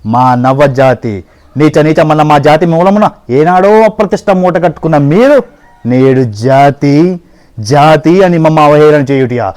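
A man playing a cheeky male human thief who makes a loud, theatrical speech. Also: a little high, animated, unhurried. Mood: defiant. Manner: loud, theatrical, pleading oratory.

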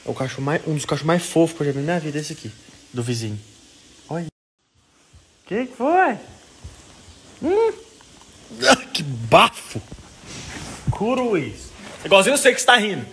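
A man chats in a casual, teasing vlog, his voice high and swinging widely in pitch. He jokes as he talks. Faint noise sits under the recording. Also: a little fast, long pauses. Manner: lively, teasing and laughing with animals. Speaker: vlogger.

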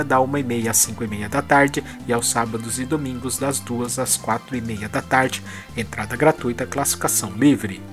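A Brazilian man in his thirties hosts an internet show, reading event listings in a brisk, upbeat announcer voice. He speaks close into a headset mic in a small studio, with music playing behind him. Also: medium pitch. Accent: Brazilian Portuguese. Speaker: host. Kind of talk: web show presenting, reading cultural listings.

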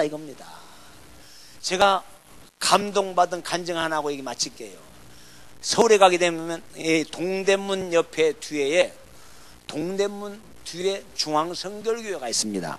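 Folksy older male revival preacher. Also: fairly high pitch. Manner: folksy, lively storytelling, voices the people he quotes. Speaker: revival pastor. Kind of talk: sermon testimony with acted dialogue.

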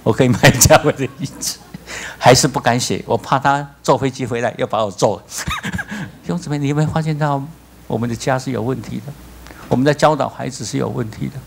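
A male pastor with a Taiwanese accent preaching a sermon, telling stories with lively acted-out voices. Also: medium pitch, a little fast, creaky, a little hiss or hum. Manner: animated storytelling, acts out voices, laughs.

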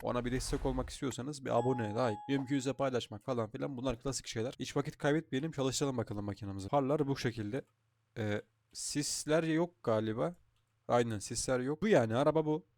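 A man's voice: medium pitch, fast, hardly any pauses, darkish tone. A man with a sore throat, chatting casually and swearing as he comments on his own driving game. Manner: chatty, swears freely, thinks aloud. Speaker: gaming YouTuber.

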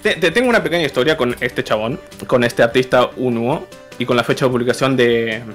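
A man's voice: medium pitch, brisk, fairly bright tone, soft background music. A young man with an Argentine accent, presenting a slideshow on a comedy stream, joking crudely and swearing a lot. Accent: Argentine Spanish.

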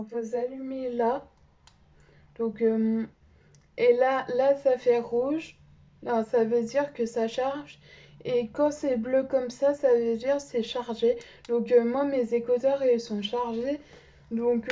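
A woman's voice: fairly high pitch, mellow, dull audio. A young French-speaking woman presenting makeup in a casual vlog, hesitant with many fillers. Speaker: beauty vlogger. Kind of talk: casual show-and-tell vlog.

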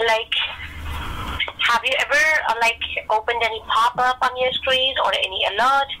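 A woman's voice: a little high, fairly even intonation, normal speed, pushed and bright. A woman posing as tech support over a phone line, talking through a scripted support call with fillers and step-by-step instructions. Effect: heard over a phone line.

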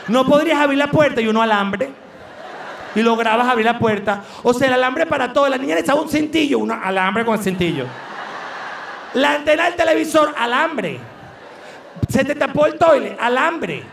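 High-voiced Venezuelan stand-up comedian. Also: male voice, moderate pace, gravelly, slight background noise. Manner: animated storytelling with voices. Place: large live venue. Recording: echoey live venue from far off.

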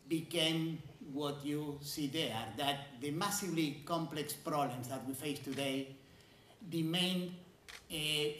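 A man in his sixties from Argentina, an engineering school dean giving a conference keynote on a large stage, measured and emphatic, stretching key words. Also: fairly high pitch, a bit bright, a little hiss or hum. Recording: roomy hall sound from a distance.

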